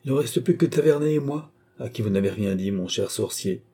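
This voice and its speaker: A man's voice: medium pitch, lively intonation, a little fast, warm tone, slightly rough. A man voicing a vain, sly and jovial very old marshal in a storybook reading. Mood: gleeful.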